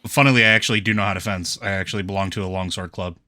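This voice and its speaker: A man's voice: low voice, fairly even intonation, rapid-fire, noisy background. A man co-hosting a podcast, chatting casually with a dry, jokey manner. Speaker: podcast co-host.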